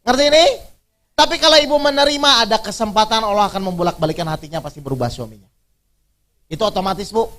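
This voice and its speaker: High, bright-voiced preacher quizzing his audience. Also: fast. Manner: quizzes the audience with constant questions; conversational, teasing, plain everyday examples. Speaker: Islamic preacher leading a workshop. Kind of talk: interactive religious workshop talk.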